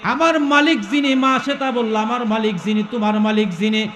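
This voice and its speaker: A man's voice: very high voice, fairly even intonation, moderate pace, a bit bright, roomy sound. A male preacher telling a story in a sermon, calling out questions to the crowd and breaking into melodic chanting.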